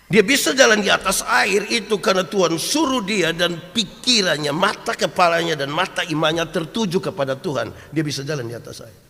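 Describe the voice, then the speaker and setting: A man preaching a sermon, animated and storytelling, swinging from loud acted quotes to hushed asides and asking the congregation questions. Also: high voice, brisk, creaky, few pauses. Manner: homely storytelling with humor and rhetorical questions. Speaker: pastor. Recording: long hall reverb.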